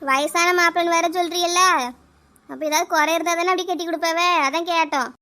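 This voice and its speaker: Woman with Kanyakumari Tamil accent; very high, bright cartoon voice; quarrelsome village gossip. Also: fairly even intonation, fast talker. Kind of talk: cartoon voice acting, many village women.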